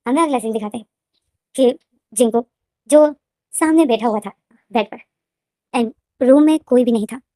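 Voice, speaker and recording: A woman retells a fan fiction story in a casual, quick, looping way, repeating herself and restarting sentences. Her voice is slightly high and mellow. The recording is dry and close. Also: no room sound. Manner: fast, repetitive, restarting retelling.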